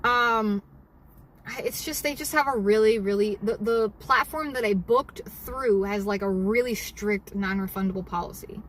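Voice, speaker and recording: A woman's voice: mid-range voice, normal speed, a bit bright, a little hiss or hum. A woman vlogging casually from her car while doing deliveries, venting angrily and swearing heavily about a bad hotel. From Southern California. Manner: angry venting, heavy swearing. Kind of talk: casual livestream chat while driving.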